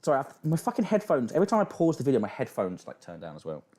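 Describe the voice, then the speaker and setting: A man's voice: mid-range voice, wildly swooping pitch, very fast, a little mellow. A British man hosting a casual livestream, reacting and reading out chat with sweary, mocking banter. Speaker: livestream host.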